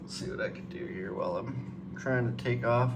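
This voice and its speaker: A man with a medium-pitched voice talks at a normal speed, casually guiding listeners through a flight simulator with hands-on commentary. He rambles and thinks out loud, and the room around him is clearly noisy.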